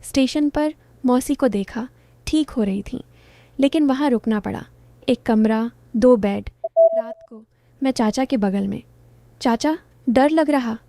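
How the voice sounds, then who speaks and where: A woman narrates a first-person story in short, clipped phrases, soft and intimate in manner. Her voice is mellow and fairly high, and she reads unhurriedly. The recording is close and dry. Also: a little slow, dry recording.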